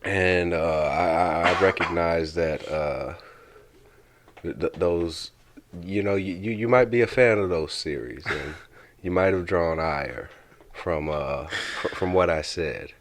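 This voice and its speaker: A man's voice: sits low, takes it slowly, a little hiss or hum. A man co-hosting a podcast in casual chat, joking and often stammering into restarts. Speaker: podcast co-host.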